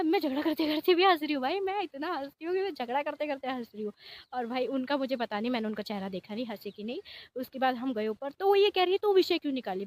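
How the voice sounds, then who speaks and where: A young woman telling a storytime vlog in a casual, exasperated way, often quoting others sharply and mixing in English words. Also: sits high. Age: young adult. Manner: animated, exasperated, mixes English words into Hindi.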